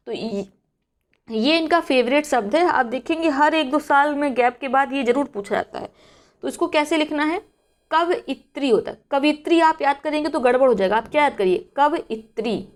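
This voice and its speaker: A woman teaching exam students, asking questions and then answering them herself as she drills each word. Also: on the high side. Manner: repeats questions and drills words aloud. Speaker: Hindi exam-prep teacher. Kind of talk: spelling lesson for exam students.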